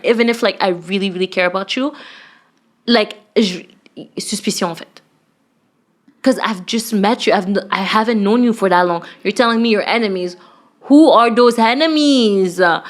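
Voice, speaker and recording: A woman co-hosting a podcast in casual chat, talking emphatically and animatedly, often saying "like" and teasing her co-host with questions. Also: mid-range voice. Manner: animated, emphatic, heavy use of "like".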